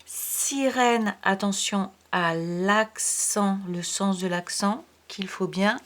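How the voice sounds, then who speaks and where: A woman teaching young children from home, in a slow, unhurried delivery. She is patient and careful, spelling words letter by letter and sometimes murmuring quiet asides. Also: mid-range voice. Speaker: primary school teacher.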